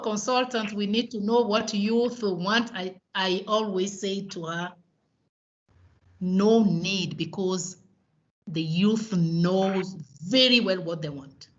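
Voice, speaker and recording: A woman's voice: medium pitch, a bit bright. A woman director giving an earnest, emphatic welcome speech over a video call. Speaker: regional director opening a meeting. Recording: slightly dull video-call audio.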